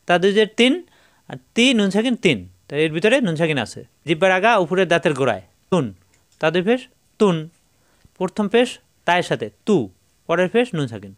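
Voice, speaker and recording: High-voiced man teaching Quran recitation. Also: no room sound, studio quality. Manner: patient, repeats syllables slowly for learners. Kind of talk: step-by-step recitation lesson.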